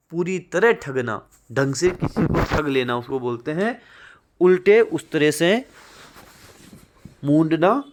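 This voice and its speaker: A male teacher with a Rajasthani Hindi accent works through an exam-prep lecture at an unhurried, deliberate pace. His voice sits a little higher than most men's. He states each answer and then says it once more. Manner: slow, repeats each answer twice.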